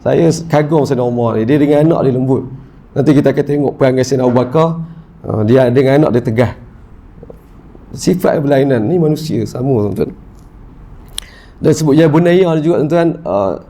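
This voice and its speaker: A Malaysian religious teacher with a soft, mellow voice speaks to a gathered audience. He recites short Arabic phrases, then explains them in relaxed everyday Malay, often calling out to his listeners as he goes. His pitch sits at an ordinary middle level for a man. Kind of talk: mosque lecture. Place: mosque lecture hall.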